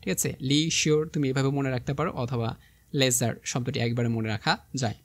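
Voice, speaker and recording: A man's voice: medium pitch, steady tone, fast. A young man with a Bangladeshi Bengali accent teaching an exam vocabulary lesson, spelling words out step by step and checking in with his students often.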